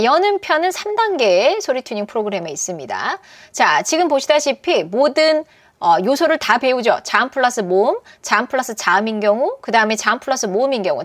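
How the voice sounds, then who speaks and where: A woman lecturing on English pronunciation, her fairly high voice rising and falling with animated emphasis. She slows down to model each word carefully. The recording is dry and close. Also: no echo. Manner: lively, emphatic, models English words slowly.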